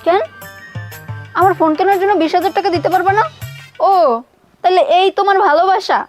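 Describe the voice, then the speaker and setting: An actress playing a young wife who coaxes and insists. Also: female voice, sits high, expressive, quick pace, soft background music. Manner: wheedling then insistent. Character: coaxing young wife, demanding.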